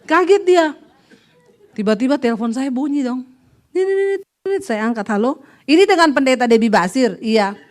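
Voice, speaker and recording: High-voiced woman pastor preaching. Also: normal speed. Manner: lively storytelling preacher, acting out dialogue. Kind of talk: sermon.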